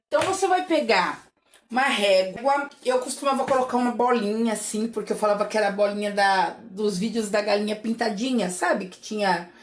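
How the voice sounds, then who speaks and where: A Brazilian woman teaching families how to read nursery rhymes with children, chanting words slowly syllable by syllable between explanations. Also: fairly high pitch. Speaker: literacy teacher. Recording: echoey room.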